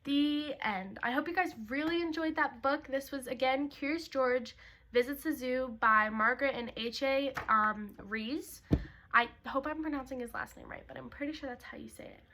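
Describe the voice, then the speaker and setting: A slight background noise sits under this young woman's high, pushed, bright voice as she talks at a normal speed. She's informal and chatty with the young children, addressing them as "you guys" during her intro talk and storybook read-aloud.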